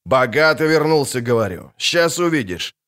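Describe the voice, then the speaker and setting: A man's voice: medium pitch, big pitch swings, normal speed. Man doing a hearty, boastful merchant. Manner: loud, exclaiming, boisterous. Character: hearty boastful middle-aged male merchant.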